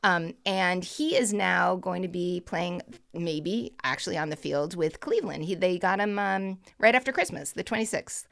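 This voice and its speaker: Chatty woman with a gravelly voice. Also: fairly low pitch, lively intonation, normal speed, a bit bright. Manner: chatty, rambling with restarts and laughs. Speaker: podcast co-host. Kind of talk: casual baseball chat.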